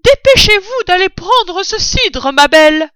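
A woman voicing a loud farmhouse woman calling out orders to a maid. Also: extremely high pitch, lively intonation, a little slow, dry recording, pitched above the performer's own voice, full character voice. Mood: urgent. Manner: shouting from a distance. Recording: dull, dry recording.

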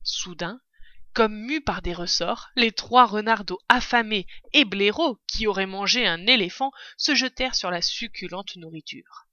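Bright, expressive woman reading a story. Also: medium pitch, no room sound, muffled recording. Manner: expressive, measured. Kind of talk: storybook narration.

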